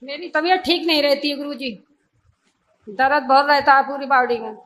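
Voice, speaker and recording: High-voiced woman caller, brief answers. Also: steady tone, moderate pace, a bit bright. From India, Uttar Pradesh. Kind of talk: phone-in consultation.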